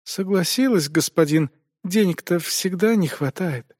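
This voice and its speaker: A man's voice: high voice, measured pace, darkish tone, no room sound, voice pushed up. Scared ashamed village widow whimpering out answers, a guy putting her voice on, dry close sound. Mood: reluctant, ashamed. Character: frightened young village widow, shamefaced.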